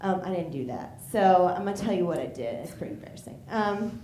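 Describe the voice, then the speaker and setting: Animated woman doing stand-up on stage. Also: fast, slight background noise. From American Midwest. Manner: animated, acts out both sides of arguments, jumps to shrill outbursts. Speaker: stand-up comedian. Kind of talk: stand-up comedy set. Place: comedy theater stage before a live audience. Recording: echoey room, loud audience laughter.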